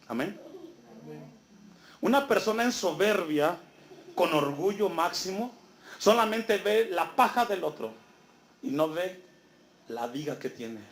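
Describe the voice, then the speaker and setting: High-voiced man preaching in an echoey church. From Mexico. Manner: asks the congregation to fill in words, reads scripture aloud. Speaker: pastor. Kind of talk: sermon.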